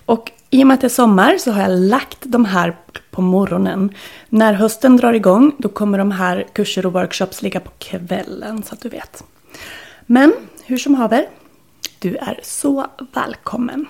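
A woman hosting a wellness podcast, talking in a calm, reflective, instructive way that sometimes drops to near-whispers. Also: medium pitch, vocal fry, slightly rough. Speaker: podcast host and wellness coach.

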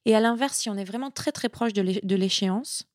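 A woman speaking as a sports nutritionist guest in a casual interview. She is chatty and lively and often repeats words while she thinks. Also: mid-range voice, fairly quick, no room sound, studio quality. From Italian heritage.

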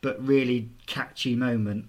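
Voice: medium pitch, steady tone, measured pace. A co-host on a casual music podcast who reads lyrics aloud and teases the other host.

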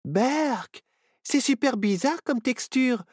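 A woman voicing a bold young apprentice witch girl in a storybook, with a high, eager delivery. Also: animated, takes it slowly, darkish tone, husky, no echo, studio quality, exaggerated voice. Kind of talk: storybook character voice.

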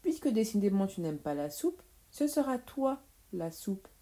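A woman's voice: medium pitch, very animated, moderate pace, mellow. A woman voicing two boastful old witches who trade insults in a children's storybook reading. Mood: gloating. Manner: cackling, insult-hurling, theatrical.

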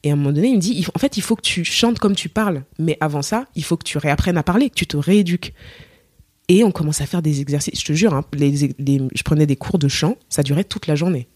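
A woman's voice: deep voice, fast talker, husky, no echo, clean studio sound. Young woman singer from Cameroon, chatty. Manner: lively storytelling, acts out quoted dialogue, many fillers. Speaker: singer, podcast guest. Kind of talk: casual interview chat.

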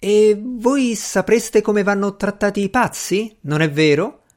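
A man's voice: mid-range voice, animated, unhurried, lightly acted. A man doing a sneering asylum doctor. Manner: sneering, sarcastic.

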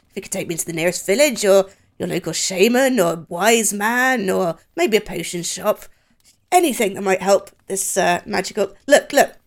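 A woman playing her character in a tabletop game, rambling and hesitant as she talks in character. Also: medium pitch. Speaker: player.

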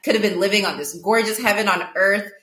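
A woman's voice: medium pitch, fairly even intonation, fast talker, a bit bright, roomy sound. A woman who works as a coach, talking casually and reflectively, often laughing and filling with "like". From Portugal. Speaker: coach, interview guest. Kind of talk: casual conversation.

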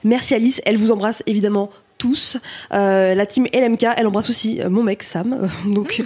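A woman's voice: medium pitch, normal speed, darkish tone, husky. A woman co-host chatting casually on a podcast, with an enthusiastic manner. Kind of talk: casual chat.

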